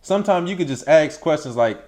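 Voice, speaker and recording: A man in his late twenties co-hosting a vlog, giving relaxed, casual advice and acting out quoted remarks. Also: on the high side, fairly quick. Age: 20s. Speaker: vlog co-host.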